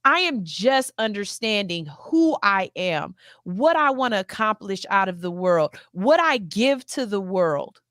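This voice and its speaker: A woman's voice: medium pitch, animated, unhurried, a bit bright, no echo, studio quality. A woman in her forties hosting a talk show, speaking earnestly and emphatically, often repeating herself. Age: 40s. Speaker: host. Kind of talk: heartfelt talk-show monologue.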